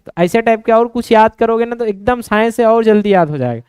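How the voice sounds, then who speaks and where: High-voiced man drilling history mnemonics. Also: lively intonation, darkish tone, smooth, no room sound, studio quality. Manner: drills students with quick questions and mnemonics. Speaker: teacher. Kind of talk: exam-prep lecture.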